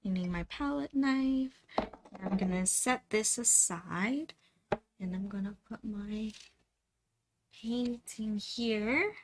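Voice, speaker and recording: A woman's voice: mid-range voice, slow, slight background noise. A woman hosting a painting livestream, chatting casually and informally as she works. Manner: greets viewers by name, informal. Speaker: live stream host, painter.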